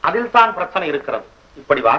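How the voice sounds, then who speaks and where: A man's voice: high voice, big pitch swings, fast, slightly rough, heavily acted. A young man in a school play, playing a proud, stern male court poet who speaks in lofty, reproachful formal tones. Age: teens. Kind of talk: school stage play acting. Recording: dull lo-fi stage recording.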